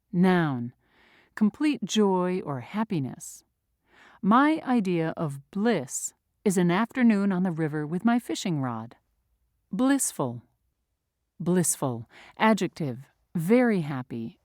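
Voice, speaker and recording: With careful, dictionary-style enunciation, a woman slowly and clearly reads vocabulary words and their definitions aloud. Her voice is on the low side and a little mellow, captured at studio quality with no room sound.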